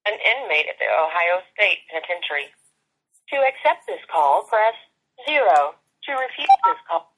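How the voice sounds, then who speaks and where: A woman's voice: mid-range voice, husky. A woman's recorded voice giving a formal automated announcement over a prison phone line. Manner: formal, instructional. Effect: played over a prison phone line.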